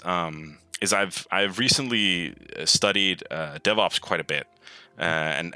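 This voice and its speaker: A man's voice: low-pitched, bright, forceful tone, smooth, dry recording. A man being interviewed about his work as a game programmer, talking casually and enthusiastically with many restarts and repeated words. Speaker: lead gameplay programmer, guest.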